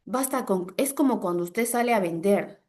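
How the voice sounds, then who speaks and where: A middle-aged woman with a Peruvian Spanish accent preaching a sermon, fervent, with repeated prayer declarations and bursts of loud emphasis. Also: medium pitch, moderate pace.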